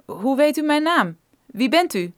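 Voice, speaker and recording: A woman's voice: sits high, sing-song, measured pace, no echo, clean studio sound, voice pushed up. A woman reading an audiobook, voicing a bewildered, frightened male geologist asking anxious questions. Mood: alarmed.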